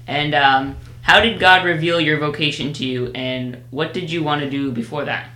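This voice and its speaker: A man hosting a podcast interview, asking questions and reacting in a relaxed, brief, friendly way. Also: a little high, normal speed. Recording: distant, echoey room sound.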